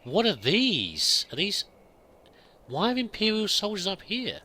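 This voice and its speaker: This man's voice is high-pitched and bright, pushed, with wildly swooping pitch and an unhurried pace. Roleplaying a pilgrim in a video game, the let's play gamer muses aloud in character, hesitant and restarting often as he comments on play.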